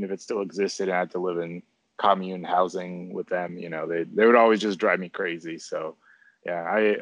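A man with a lowish voice speaks casually, pausing often and restarting his sentences. The recording is dry and close, with no room sound. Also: fairly bright tone, no echo. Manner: hesitant, full of fillers and restarts. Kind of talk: casual conversation.

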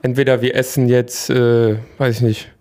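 A man's voice: mid-range voice, flat delivery, moderate pace, darkish tone. A young man co-hosting a casual podcast, joking and laid-back, often trailing off mid-sentence. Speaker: podcast co-host. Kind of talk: casual chat.

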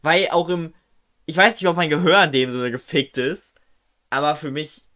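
Bright-voiced young man, loose chat. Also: on the high side, normal speed. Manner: loose, excitable, slangy. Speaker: co-host. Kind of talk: casual chat.

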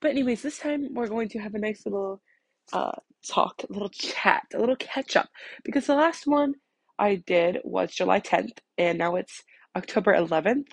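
A teenage American girl chats casually on her podcast with a slight lisp from her retainers. Her voice is husky with plenty of vocal fry, captured close and dry. She rambles in a giggly, self-conscious way, leaning on "like" constantly. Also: medium pitch, moderate pace, dry recording. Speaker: podcast host. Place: in bed at home.

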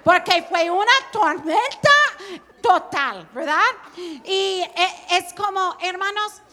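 A woman preaching a sermon, telling stories in an animated way and laughing along. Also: very high voice, long reverb tail. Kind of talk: storytelling sermon.

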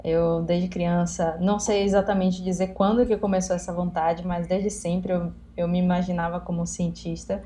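A woman's voice: lowish voice, level tone, moderate pace, few pauses, warm tone, slight background noise. A woman, earnestly telling her story as an interview guest. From Salvador, Bahia, Brazil. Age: 20s. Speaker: guest, young scientist. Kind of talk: interview answer.

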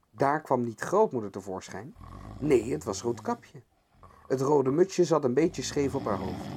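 A man reading a children's fairy tale aloud as narrator, with expressive storytelling. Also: mid-range voice, slight background noise.

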